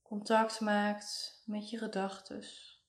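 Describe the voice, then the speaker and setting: A woman guides a meditation slowly and unhurriedly, her soothing, hushed voice completely flat with very little rise or fall in pitch. The room around her is noticeably echoey.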